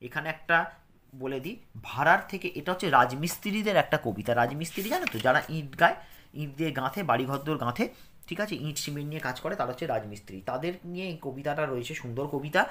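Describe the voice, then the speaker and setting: A man's voice: fairly high pitch, expressive, quick pace, a bit bright, a little hiss or hum. A male teacher who reads a children's textbook aloud, reciting the verse rhythmically and then explaining its words simply to young pupils.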